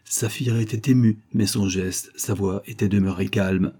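Male audiobook reader, low pitch, dark husky tone, measured delivery. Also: fairly even intonation. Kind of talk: audiobook narration.

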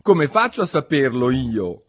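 A man's voice: mid-range voice, very animated, unhurried, pitched above the performer's own voice. A man voicing a polite but bold young girl in a storybook. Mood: defiant. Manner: prim, then firm.

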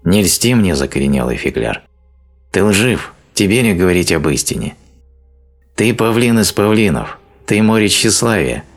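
A man's voice: low-pitched, sing-song, moderate pace, faint music behind. A man reading a stern, angry male sage in an audiobook, scolding with harsh declamation. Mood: scornful.

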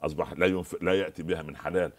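Fast-talking deep-voiced man preaching. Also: fairly even intonation. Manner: preaching, quoting scripture and stories. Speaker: religious scholar guest. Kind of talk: studio religious discussion.

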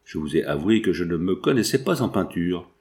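A man's voice: low voice, expressive, fairly quick, darkish tone, voice pushed down. A man voicing a courteous middle-aged male industrialist and father, speaking in formal, old-fashioned phrases. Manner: formal, courteous nineteenth-century speech.

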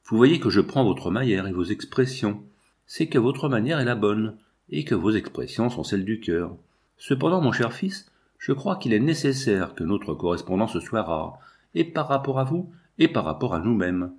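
A man's voice: lowish voice, sing-song, normal speed. Affectionate letter writer, read by a man. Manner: warm, effusive letter reading. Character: affectionate older male friend writing a letter.

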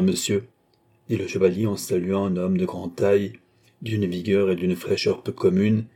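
A man reading a classic novel aloud in steady, measured narration. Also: low-pitched, breathy edge. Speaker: audiobook narrator.

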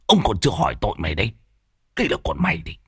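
A man's voice: low voice, huge pitch swings, racing, fairly bright tone, no room sound, clean studio sound, exaggerated voice. A man voicing a bitter, foul-mouthed old gambler who grumbles and curses. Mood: grumbling angry. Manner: gruff cursing grumble.

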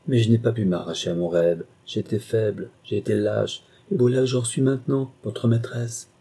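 A man's voice: lowish voice, steady tone, moderate pace, dark tone, husky. A man voicing an impassioned young governess. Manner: impassioned, pleading. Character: passionate young woman governess torn by love. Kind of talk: audiobook dialogue reading.

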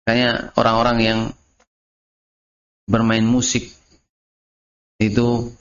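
A man's voice: mid-range voice, completely flat delivery, slow pace, fairly bright tone. A man with an Indonesian accent teaching a casual classroom lesson on Arabic grammar, repeating and explaining terms as he speaks to his students. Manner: casual, addresses listeners as "Mas" and "antum". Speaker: religious teacher. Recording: muffled lo-fi class recording.

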